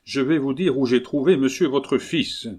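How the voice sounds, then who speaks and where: A man doing a furious, shouting father. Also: medium pitch, normal speed, pitched above the performer's own voice, natural voice. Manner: exasperated outbursts. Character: furious middle-aged father, shouting and stamping.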